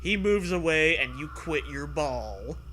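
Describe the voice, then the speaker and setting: Over slight background noise, a comedic host reads a choose-your-own-adventure story in a voice that's on the high side, bright and forceful, with lively intonation and an unhurried pace. He goes theatrical and riffs casually with profane jokes.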